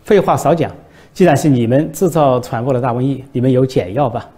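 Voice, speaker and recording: A man's voice: medium pitch, a little fast, mellow, natural voice. A man voicing a sarcastic, irritated male president who needles his counterpart in a satirical comedy sketch.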